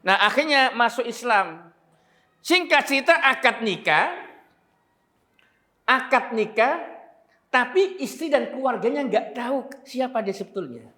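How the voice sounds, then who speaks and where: Storytelling preacher in echoey hall. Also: male voice, very high voice, animated, a little slow, long pauses, pushed and bright. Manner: conversational, addresses audience directly, emotional storytelling. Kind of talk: religious lecture, storytelling. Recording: echoey room.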